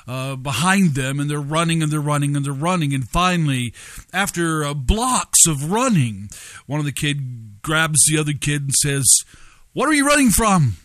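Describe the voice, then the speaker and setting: A man preaching and reading news aloud, telling a story with many pauses and fillers and stressing key words. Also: fairly high pitch, fairly bright tone, no room sound.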